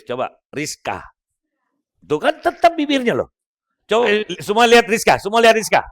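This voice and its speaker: Animated man giving a joking talk. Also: a little high. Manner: joking, coaching audience members one by one. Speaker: motivational speaker. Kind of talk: lively religious motivational talk to a group.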